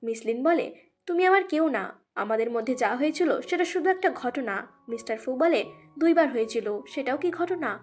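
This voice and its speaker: A woman's voice: high voice, expressive, moderate pace, a little mellow. A woman narrating a drama recap as scripted storytelling, reading out the characters' lines in her own narrating voice. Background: background music.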